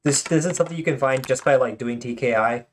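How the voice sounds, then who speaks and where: A man's voice: medium pitch, fast, background noise. A man hosting his own channel and commenting casually on tournament replays, chatty and joking, with lots of fillers and restarts.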